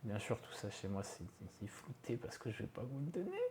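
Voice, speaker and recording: Chatty man with a mellow voice. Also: medium pitch, wildly swooping pitch, a little fast. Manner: chatty, self-mocking, full of fillers and asides. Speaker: tech video creator. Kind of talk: casual screen-recorded tutorial. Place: home office.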